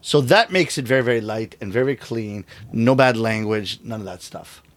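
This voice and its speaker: A man's voice: medium pitch, a little fast, no room sound. A middle-aged man, a rakugo storyteller, talking in a casual interview and acting out the voices of people in his stories. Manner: animated storyteller, acts out quoted voices.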